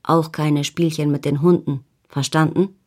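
A woman's voice: low-pitched, level tone, a little slow, a little mellow. A woman voicing a scheming, domineering man who leads a village, in an audiobook reading, menacing and mocking. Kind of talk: audiobook character voice.

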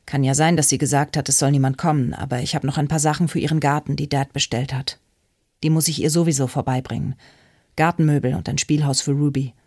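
A woman reads the part of a helpful young man, lowering her voice slightly and sounding matter-of-fact. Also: fairly even intonation, fast, a little mellow, no room sound, clean studio sound. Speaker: audiobook character.

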